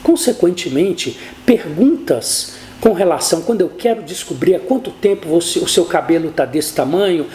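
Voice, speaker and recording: Woman, first language Portuguese, English teacher; mellow, very animated delivery, echoey room. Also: on the low side, a little hiss or hum. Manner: explains slowly, asks checking questions; says English example sentences slowly and clearly. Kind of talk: grammar lesson. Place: room in her house.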